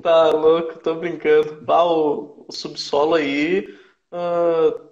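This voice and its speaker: A man's voice: a little high, little pitch movement, slow pace, darkish tone. A man with a Rio Grande do Sul accent, chatting casually as a podcast guest and often tagging his lines with "né, cara?". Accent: Rio Grande do Sul Portuguese. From southern Brazil. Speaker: podcast guest, sports and music journalist. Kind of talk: casual chat. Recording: echoey, muffled live-stream audio.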